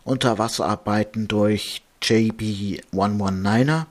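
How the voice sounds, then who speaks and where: A man reading a marine radio bulletin of nautical warnings as an announcer, in a formal, measured manner, carefully spelling things out. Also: fairly low pitch.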